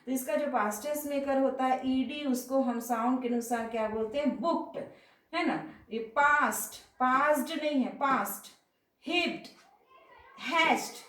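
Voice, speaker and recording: A woman's voice: high voice, moderate pace, a bit bright, echoey room, low-quality recording. A woman teaching English pronunciation with an Indian English accent, patiently explaining and asking rhetorical questions while repeating example words. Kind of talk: explanatory lesson mixing Hindi and English.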